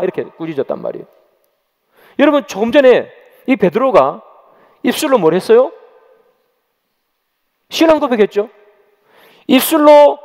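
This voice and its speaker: A man's voice: extremely high pitch, darkish tone. A man preaching a sermon as pastor, dramatic and questioning the congregation, acting out quoted voices. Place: church sanctuary. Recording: long church reverb.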